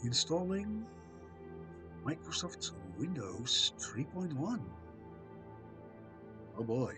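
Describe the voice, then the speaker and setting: On a live stream, a man chats casually with viewers and reads the chat aloud in a soft, soothing voice laced with self-deprecating humour. His voice runs on the high side, sing-song with drawn-out words, and music plays in the background.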